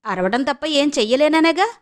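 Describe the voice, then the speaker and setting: Woman voicing a spiteful shouting old mother-in-law. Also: sits high, normal speed, close to an everyday voice. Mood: angry complaining. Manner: harsh, shouting, bitter.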